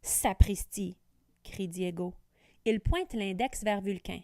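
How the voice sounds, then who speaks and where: A woman teacher reading a children's storybook aloud with clear, careful diction. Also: a little high, unhurried, no echo, clean studio sound. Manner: clear, careful diction with lively voices for characters.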